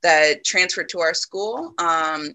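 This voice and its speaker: Bright-voiced reflective woman. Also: lowish voice, takes it slowly, low-quality recording. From United States. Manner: reflective, many ums and likes, laughs often. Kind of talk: casual conversation.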